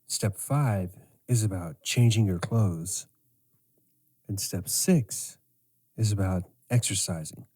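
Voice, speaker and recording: Man, podcast host, middle-aged, slow measured delivery, low pitch, mellow tone. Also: slightly rough. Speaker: podcast host and sleep coach. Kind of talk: scripted podcast monologue.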